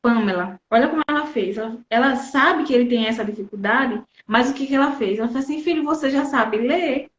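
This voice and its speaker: Brazilian woman, Bible teacher, somewhat high voice, talks straight to her listeners; dull, roomy recording. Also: quick pace, hardly any pauses. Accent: Brazilian Portuguese. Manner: conversational, addresses listeners directly.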